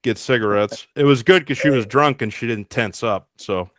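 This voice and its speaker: A man with a Massachusetts accent, chatting casually and telling a deadpan joke story on a video call. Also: mid-range voice, moderate pace, no echo, clean studio sound. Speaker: guest.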